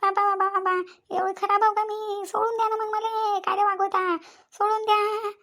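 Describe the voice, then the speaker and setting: A woman's voice: extremely high pitch, little pitch movement, sharp tone. A woman voicing a bruised village auntie in a cartoon who groans, whines and vows revenge. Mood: groaning. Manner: slow, groaning complaints. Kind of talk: cartoon voice acting.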